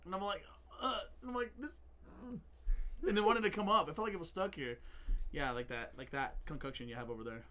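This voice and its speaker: A man's voice: fairly high pitch, fairly even intonation, fast talker, bright, forceful tone. A young man hosting a casual podcast chat with friends, jokey and laughing often. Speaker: podcast host.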